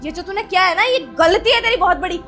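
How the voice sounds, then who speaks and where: A woman acting as a young mother of a seven-year-old girl, scolding loudly at times and speaking gently at others, in a family drama skit. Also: very high voice, fast, music in the background.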